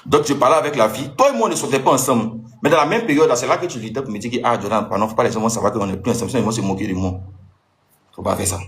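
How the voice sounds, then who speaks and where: A man's voice: mid-range voice, expressive, very fast. A young man, telling off his ex-partner in an agitated monologue with rising outbursts. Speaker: social media personality. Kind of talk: angry monologue addressed to an ex-partner.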